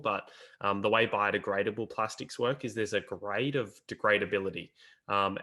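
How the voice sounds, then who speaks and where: A man explains in a casual, conversational style. His voice is slightly low but bright and crisp-edged. He feels his way haltingly through each point.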